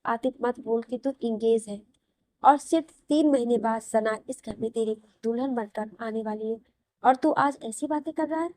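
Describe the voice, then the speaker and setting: A woman plays an anxious mother pressing her son with questions. The voice is fairly high, close and dry. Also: normal speed, a little mellow, no echo, close to an everyday voice. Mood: worried. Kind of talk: audio story reading.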